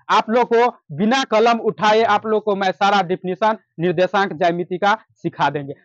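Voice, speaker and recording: A man's voice: high-pitched, no echo. A man teaches a lesson, posing a question and answering it himself over and over. The sound is dull and lo-fi, close and dry with no room around it. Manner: asks a question then answers it himself, repeating key terms. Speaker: math teacher. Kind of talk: classroom lecture with call-and-response questions.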